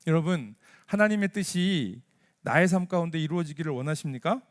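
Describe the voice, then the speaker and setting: A man's voice: a little high, expressive, fairly quick. A male pastor preaching a sermon in a church, talking to the congregation in a conversational way, with many rhetorical questions and short acted-out prayers. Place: church sanctuary.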